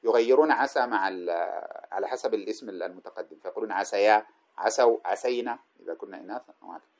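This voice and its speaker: A man's voice: lowish voice, quick pace. A man teaching a classical Arabic grammar lesson. He reads a text aloud, comments on it and often asks his students rhetorical questions.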